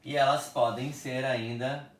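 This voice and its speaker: A man with a Brazilian Portuguese accent teaching a school lesson, speaking slowly and deliberately and repeating words for emphasis. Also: mid-range voice, steady tone. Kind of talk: classroom lesson explanation. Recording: echoey room, speaker far from mic.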